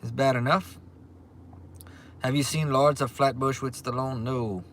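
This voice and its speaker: A Louisiana man in his forties hosts a casual livestream from a restaurant, answering viewer comments in an easygoing, unhurried way and often repeating himself. His mid-range voice is fairly bright with fairly even intonation, over faint restaurant ambience and slight background noise.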